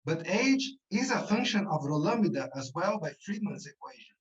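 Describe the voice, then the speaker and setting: A man runs the question session of a conference talk, with a slightly high voice. He asks his questions in an inquisitive, methodical way. His sound comes through muffled and unsteady, like a video call. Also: sing-song, normal speed. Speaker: session chair and moderator. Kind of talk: moderating a conference Q&A.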